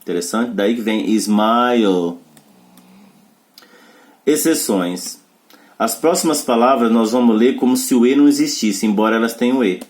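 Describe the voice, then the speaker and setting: In this pronunciation lesson, a male English teacher lays out the rules step by step and checks with short questions that students follow. His voice is medium-pitched and darkish, and he speaks a little slowly, pausing often.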